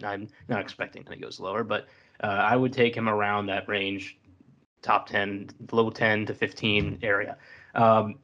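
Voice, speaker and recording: Male co-host, hedging, filler-heavy, relaxed draft talk. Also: medium pitch. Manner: rambling, hedging, many fillers. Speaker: co-host analyst. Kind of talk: casual sports talk.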